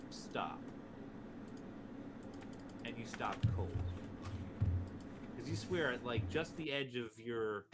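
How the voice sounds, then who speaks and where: A man narrating a tabletop role-playing game as game master, halting and searching for his words. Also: mid-range voice, lively intonation, very noisy.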